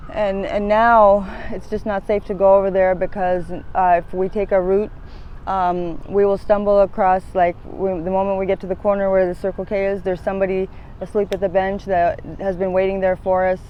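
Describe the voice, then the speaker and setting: Flat-voiced rambling woman in her thirties. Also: mid-range voice, muffled recording, a little hiss or hum. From United States, born in Latvia. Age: 30s. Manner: rambling, hesitant, many fillers. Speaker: interviewee. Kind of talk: street interview. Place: outdoors on a city street.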